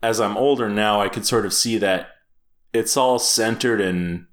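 A man's voice: on the low side, unhurried. A man co-hosting a podcast in casual chat, laughing often and rambling with fillers and restarts. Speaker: podcast co-host.

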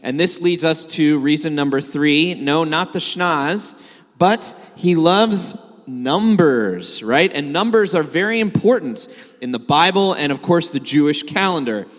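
A man's voice: a little high, normal speed, fairly bright tone. Joking male preacher in a reverberant hall. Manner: joking, conversational with fillers. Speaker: messianic rabbi preaching. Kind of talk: sermon.

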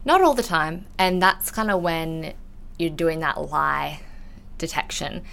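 A woman in her twenties with an Australian accent, an intellectual property investigator appearing as a podcast guest, talks candidly and informally in a conversational interview. Her deep voice is creaky, fairly bright, clear and resonant, with lively intonation and an unhurried pace.

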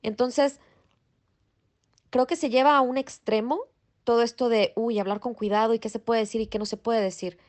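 A woman's voice: on the high side, fairly even intonation, normal speed, darkish tone. A middle-aged woman with a Mexican Spanish accent, a property manager talking bluntly and emphatically in a casual interview, mixing in English words.

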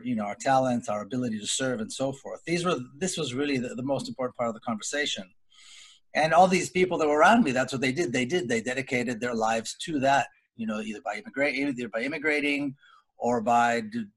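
A middle-aged man, speaking earnestly as a panelist in a webinar discussion. He talks deliberately, with frequent pauses and restarts. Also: medium pitch. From Israel. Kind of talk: personal account in a webinar discussion. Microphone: video call.

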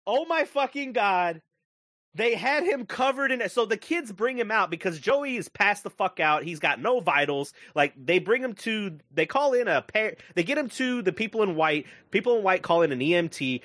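A man co-hosting a casual movie review podcast, retelling a plot with profane, excitable energy. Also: moderate pace, no room sound, clean studio sound. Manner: profane, excitable storytelling with big pitch swings. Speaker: podcast co-host.

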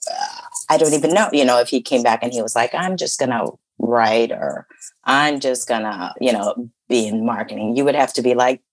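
Low low voice lady from chicago area, chatty and thoughtful, kinda rambly. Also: moderate pace, no echo. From Chicago area, USA. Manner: reflective and chatty, many fillers and laughs. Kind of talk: casual conversation.

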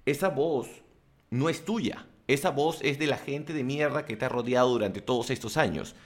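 Man, motivational vlog monologue, blunt crude slang, animated asides, mid-pitched voice. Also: moderate pace. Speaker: self-help vlogger and coach. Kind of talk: motivational talking-to-camera monologue.

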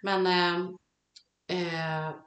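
A woman co-hosting a casual chat about songs, talking in a halting, reflective way as she searches for words. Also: on the low side, flat delivery, fairly bright tone. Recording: echoey room.

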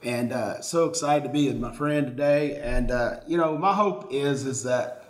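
A pastor hosts a faith talk show and introduces his guest with warm encouragement, his phrasing rising and falling like a preacher's. His voice sounds roomy, with a noticeable echo around it. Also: medium pitch, normal speed. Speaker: pastor and host.

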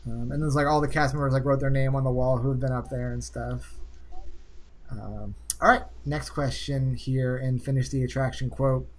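A man from the Northeast US hosting a casual podcast trivia game, chatty and quick to laugh. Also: mid-range voice, steady tone. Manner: chatty, laughing, quotes lines in slow put-on voices. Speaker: trivia host.

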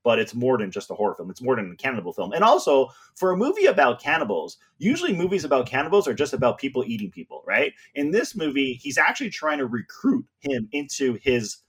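Man, casual film podcast chatter, excitable and rambling. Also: medium pitch, fast, few pauses, breathy edge. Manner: enthusiastic, rambling with many fillers.

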